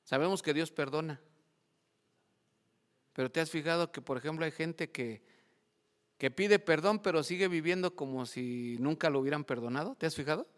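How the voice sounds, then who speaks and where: Pastor preaching in a reverberant hall. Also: male voice, on the high side, moderate pace, pauses often. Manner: quizzes the congregation with call-and-response questions. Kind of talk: sermon. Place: church service.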